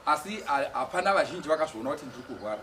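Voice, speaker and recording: A man giving a church testimony, speaking haltingly and with feeling, often restarting words. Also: a little high, expressive, bright, forceful tone. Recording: distant mic with faint outdoor noise.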